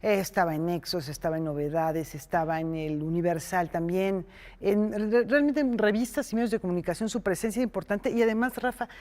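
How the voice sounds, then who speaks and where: A woman's voice: on the low side, a little fast, a little mellow. A woman anchoring a news show, talking conversationally and listing items.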